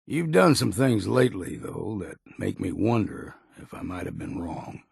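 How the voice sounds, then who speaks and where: A grizzled old seafarer from a video game, with a heavily creaking, rasping, lowish voice. He is plain-spoken and curmudgeonly, worn down by years yet loyal underneath. The sound is dry and close, with no room around it. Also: sing-song, normal speed, darkish tone, no echo, full character voice. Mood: troubled, reproachful. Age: older. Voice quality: gravelly, raspy. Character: gruff, stubborn old seafarer, weary but loyal. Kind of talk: video game character dialogue.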